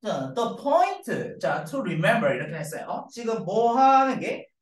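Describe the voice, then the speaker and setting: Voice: mid-range voice, very animated, slow pace. An English teacher giving a classroom grammar lecture to middle school students, repeating each point and checking in with them often. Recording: echoey room, mic far off.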